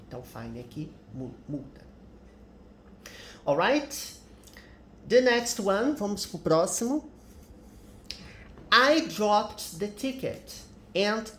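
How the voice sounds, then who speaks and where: Slow, patient Brazilian man teaching. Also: on the high side. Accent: Brazilian Portuguese. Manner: patient, explanatory, tags sentences with "né?". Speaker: English teacher. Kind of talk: grammar lesson explaining example sentences. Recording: roomy echo with faint background noise.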